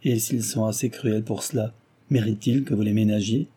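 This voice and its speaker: Sensible older lady, read by a man, calm, reasoning, husky tone. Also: lowish voice, fairly quick. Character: older woman, kindly and sensible adviser.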